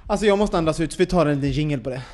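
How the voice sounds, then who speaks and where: A man with a fairly high voice who hosts a relaxed talk show. He chimes in with quick reactions and keeps the conversation going with questions. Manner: reacts with short interjections and asks questions. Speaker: podcast host. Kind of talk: casual chat.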